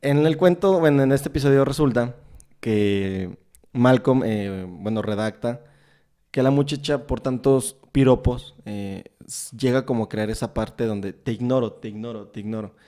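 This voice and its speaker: Presentador mexicano de voz oscura. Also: male voice, medium pitch, a little slow, dark tone. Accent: Mexican Spanish. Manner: chatty, retells scenes at length with filler words. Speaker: podcast host interviewing a guest. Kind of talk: casual podcast conversation.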